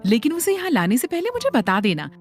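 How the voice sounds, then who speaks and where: A woman's voice: high-pitched, wildly swooping pitch, quick pace, faint music behind. A woman voicing a cheerful, affectionate young bride who chats eagerly with her husband, in a dubbed drama. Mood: warm. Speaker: voice actor. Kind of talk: Hindi dub acting.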